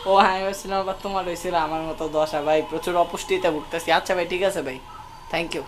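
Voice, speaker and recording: This prank-calling channel host is a young adult man with a Bangladeshi accent and a high, steady, rapid voice. His casual phone chat mixes slang with English words, and the amateur recording is noisy.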